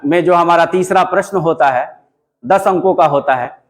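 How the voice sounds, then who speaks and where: A man with a Bihari Hindi accent teaches a classroom lesson in a room with a writing board, explaining step by step and repeating points for emphasis. His voice is a little high and his pace moderate.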